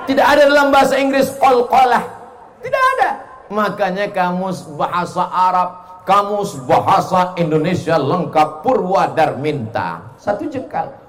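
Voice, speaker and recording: A man preacher giving a humorous religious lecture, animated and joking, often slipping into chuckles. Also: sits high, moderate pace. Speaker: Islamic preacher.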